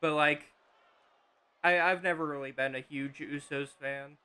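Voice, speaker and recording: A man's voice: on the high side, steady tone, a little slow, pushed and bright, clear, resonant tone. A man casually commenting on a wrestling video game on a live stream, rambling with fillers and restarts.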